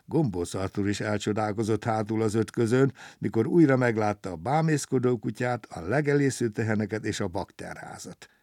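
Low-voiced man reading a children's story. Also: few pauses, dry recording, clean studio sound. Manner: lively, expressive read-aloud.

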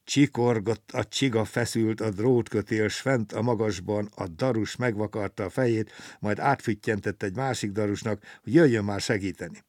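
A man reading a children's story aloud in a lively, expressive way. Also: fairly low pitch, no room sound, studio quality.

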